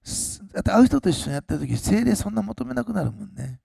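A pastor preaching a sermon, swinging between loud, slowed emphasis and quiet, low asides to the congregation. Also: male voice, very animated, vocal fry, breathy edge, dry recording, clean studio sound.

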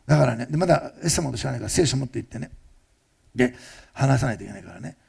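A male pastor giving a fast-paced, conversational sermon that often turns to ask the listeners questions. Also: medium pitch, animated, gravelly, darkish tone, husky. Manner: fast-talking, admits rushing. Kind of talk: sermon testimony.

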